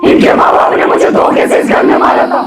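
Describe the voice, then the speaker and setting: A woman playing a vengeful female ghost in a horror film, wailing and shouting defiantly and begging for release. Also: brisk, lightly acted. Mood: wailing defiance. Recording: distant voice under loud music and crowd noise.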